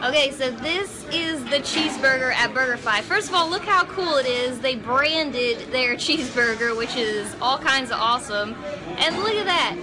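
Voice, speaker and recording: A young adult woman filming a taste test in a restaurant, talking to camera in an excited, gushing way. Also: high-pitched. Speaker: food reviewer host. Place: busy restaurant.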